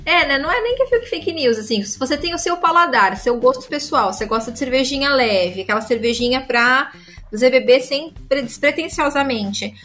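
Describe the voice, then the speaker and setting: A woman's voice: high-pitched, animated, a little fast, a bit bright. A woman sommelier with a Brazilian Portuguese accent, explaining at length in casual chat with many filler tags and restarts. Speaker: sommelier guest.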